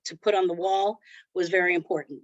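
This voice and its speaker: Speaking briskly in a lowish voice with fairly even intonation, this middle-aged woman originally from Cuba is a guest on a podcast interview. She muses reflectively, full of fillers and false starts, and the lo-fi recording sounds dull and dry with no echo.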